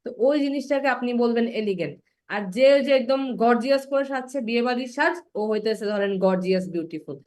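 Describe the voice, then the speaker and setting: Higher-voiced young woman teaching grammar. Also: animated, a little mellow. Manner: explains patiently, slows to spell out example words. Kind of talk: online class lecture.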